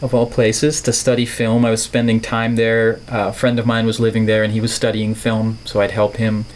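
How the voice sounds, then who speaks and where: Delivering his words completely flat at a moderate pace, this lowish-voiced man is an artist and filmmaker guesting on a podcast. Middle-aged and from the Netherlands, he has a neutral American accent and talks reflectively, playfully, and wordily. A little hiss or hum runs under the recording.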